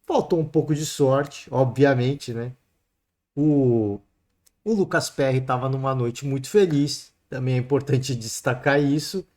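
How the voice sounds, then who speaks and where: Here the Brazilian Portuguese-accented host delivers relaxed football commentary by himself, chatty and full of "né" and "cara." His medium-pitched voice is a little slow and a little mellow.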